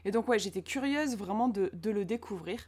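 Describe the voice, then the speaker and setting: A woman's voice: mid-range voice, animated, a little fast, darkish tone. A young woman giving a casual review of a tarot deck, hesitant and full of fillers and restarts.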